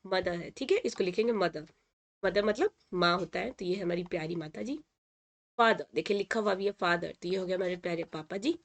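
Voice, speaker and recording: A woman teacher from India explains a Hindi textbook lesson at an even, medium pitch. She says each word slowly, repeats words, and keeps checking in with a quick "ठीक है." Her manner stays patient and steady throughout.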